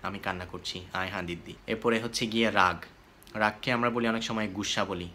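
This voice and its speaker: A young man with a Chittagonian accent teaching phrases in a casual spoken lesson, repeating each phrase slowly. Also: on the low side, steady tone, sharp tone, slight background noise. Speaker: language teacher.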